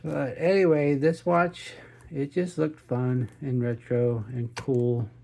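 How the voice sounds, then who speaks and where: A man's voice: mid-range voice, flat delivery, takes it slowly, vocal fry, warm tone, slight background noise. A man hosting his own channel, cracking puns and chatting casually while he unboxes watches. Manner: jokey, punning, chatty. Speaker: watch reviewer, channel host.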